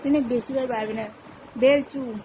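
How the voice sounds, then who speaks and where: A high-voiced woman speaks casually, like a mother running a home vlog. Her manner is playful and chiding, homely and informal. The recording carries clear household noise. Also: fairly even intonation, normal speed, mellow. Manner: nagging, playful, chiding family talk. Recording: noisy home phone-video recording.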